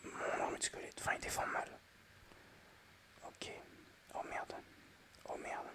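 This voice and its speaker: A man plays a mobile game and whispers ASMR commentary to his audience at a measured pace. His tone is excitable and chatty.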